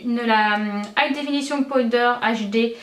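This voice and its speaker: A young woman with a slightly high voice chats as a beauty vlogger, enthusiastic and full of hesitant fillers. Her voice rings in an echoey room, recorded by a mic set some distance from her. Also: a little slow, fairly bright tone. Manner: chatty and enthusiastic, many fillers. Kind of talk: casual chat.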